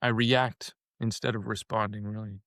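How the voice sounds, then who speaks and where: A man's voice: fairly low pitch, level tone, moderate pace, a bit bright, no echo. Reflective man in his fifties, dry sound. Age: 50s. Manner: reflective, repeats words when starting thoughts. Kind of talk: casual conversation.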